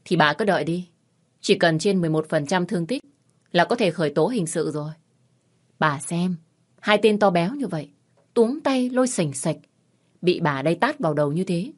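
A woman voicing a calm, confident young male lawyer who speaks in a measured, coolly threatening way in an audio story. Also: lowish voice.

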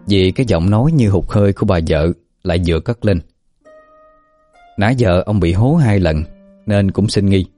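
A man calmly narrating a scripted folk ghost story, with faint music behind. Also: low voice.

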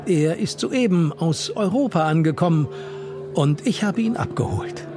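A man's voice: fairly high pitch, animated, unhurried, voice pushed up. A man reading the lines of a formal, deferential host greeting his guests, over music. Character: hospitable middle-aged host of a grand party. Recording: music playing under the reading.

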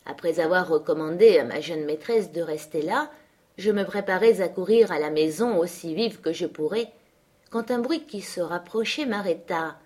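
Female audiobook narrator, measured, expressive literary reading. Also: on the low side. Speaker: audiobook reader.

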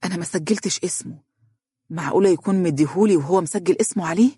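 The narrator voicing a young woman office worker who talks quickly and unsurely, in Egyptian Arabic. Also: mid-range voice, darkish tone, no room sound, clean studio sound, pitched above the performer's own voice, lightly acted.

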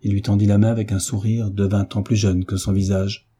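A man narrating a classic novel in a measured, even reading as an audiobook narrator. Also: fairly low pitch, slightly rough. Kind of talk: scripted literary narration.

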